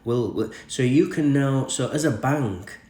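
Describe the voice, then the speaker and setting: A man's voice: mid-range voice, a little slow, warm tone. An English man with a groggy, sore-throated voice from a cold, hosting a news show where he reads articles and comments on them. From England. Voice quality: slightly groggy, congested from a cold. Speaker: podcast host and crypto news commentator. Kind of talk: reading an article aloud with off-the-cuff commentary. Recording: echoey room.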